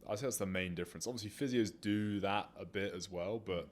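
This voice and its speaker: A man's voice: on the low side, fairly quick. A man co-hosting a fitness talk show in casual chat, backing his partner with short agreeing replies. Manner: supportive, many short agreeing "yeah"s.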